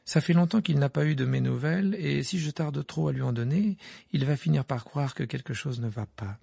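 Man doing a defiant teen boy, cool curt replies, gravelly husky voice, dry sound. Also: mid-range voice, fairly quick, dark tone, no echo.

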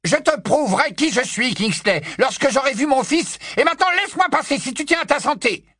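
A man reading an audiobook, voicing a frantic middle-aged father wizard who shouts and rushes his words. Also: extremely high pitch, animated, no echo, studio quality, voice pushed up, full character voice. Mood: furious.

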